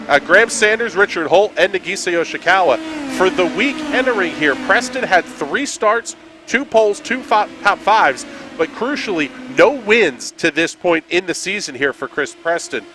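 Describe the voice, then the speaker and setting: A man calling play-by-play for an online racing broadcast, brisk and steady, rising sharply when trouble hits the track. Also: sits high, noisy background. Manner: brisk, builds to shouts at incidents. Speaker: play-by-play commentator. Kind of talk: sim racing play-by-play commentary.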